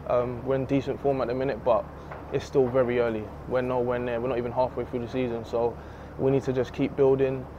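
A young man, a footballer giving a relaxed, candid post-match interview into a handheld mic in an empty stadium. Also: mid-range voice, a little fast, hardly any pauses. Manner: relaxed, candid, laughs easily. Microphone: handheld reporter mic. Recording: slightly dull outdoor audio with faint noise.

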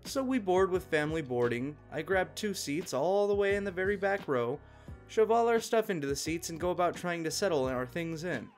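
A man giving a scripted narration of an online post in a steady, even reading manner. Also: sits high, moderate pace, faint music behind. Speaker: story narrator.

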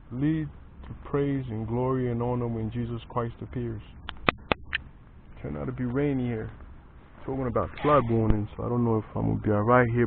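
A man on a pilgrimage walk, vlogging casually outdoors and in his tent, relaxed and prayerful, often tacking "man" onto his sentences. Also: mid-range voice, creaky. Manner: laid-back, prayerful, says "man" a lot. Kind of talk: casual walking vlog. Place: outdoors, walking roads and camping in a tent. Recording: tinny lo-fi camera audio with faint outdoor noise.

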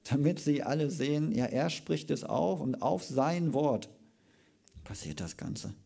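Male preacher, sermon, gravelly, dark mellow voice, lively retelling, casual asides. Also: a little high, measured pace. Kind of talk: sermon retelling a Bible story. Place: church service.

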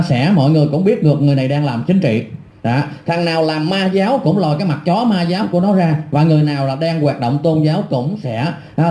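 A middle-aged online commentator delivers an angry, scornful monologue packed with insults and repetition. His voice is a little high with a dark tone, and the room is echoey.

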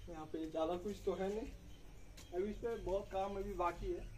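A young adult man with a high, warm voice and fairly even intonation speaks at a moderate pace during a casual home tour vlog, walking through a small concrete house and chatting with his sister, who films from a few steps back. The bare rooms echo, the camera mic is distant, and there's a little hiss or hum.

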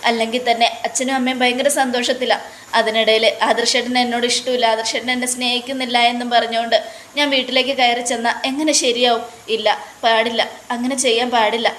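A woman's voice: fairly high pitch, level tone, fast, a bit bright, slight background noise, close to an everyday voice. A woman voicing a heartbroken young wife who pleads through tears while recapping a TV serial. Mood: pleading. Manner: pleading, sobbing speech.

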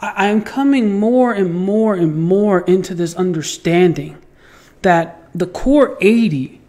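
Slow-talking high-voiced man telling a story. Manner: animated storyteller, acts out voices and sound effects; swears freely, repeats words when excited. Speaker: podcast host. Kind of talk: casual storytelling monologue.

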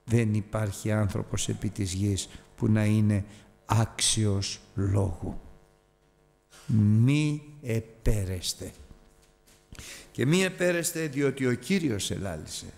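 A man preaching a Bible study sermon, emphatic and repetitive, now and then dropping to near-quiet asides. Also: lowish voice, vocal fry, hardly any pauses, long reverb tail. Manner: emphatic, repeating key phrases with sudden drops to near-quiet asides.

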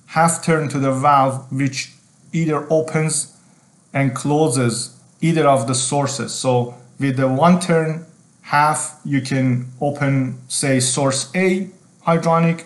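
A middle-aged man teaching HVAC design over a screen share, explaining in an unscripted way with frequent ums and repeated phrases. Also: medium pitch. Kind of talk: screen-share technical tutorial. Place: indoor room.

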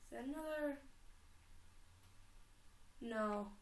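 A young woman gamer gives casual let's play commentary on her own game in a high voice at a slow pace, chatty and rambling with frequent giggles. The recording is rough, in an echoey room.

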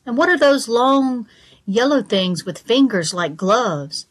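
A woman's voice: on the high side, expressive, slow pace. A woman voicing a curious, forthright little girl in a children's storybook, with an inquisitive, direct manner.

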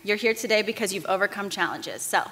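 A woman's voice: mid-range voice, lively intonation, a bit bright. Candid woman speaking at a podium. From Texas-Mexico border region. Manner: candid, halting, with restarts and fillers. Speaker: commencement speaker, news anchor. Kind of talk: commencement address. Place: large auditorium stage. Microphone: podium microphones. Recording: long hall reverb.

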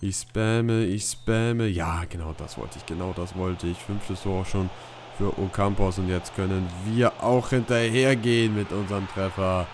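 A man's voice: deep voice, steady tone, moderate pace, a little mellow, a little hiss or hum. A man casually commenting on a football video game, reading menu options aloud and reacting loosely. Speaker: gaming YouTuber. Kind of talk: casual let's-play commentary.

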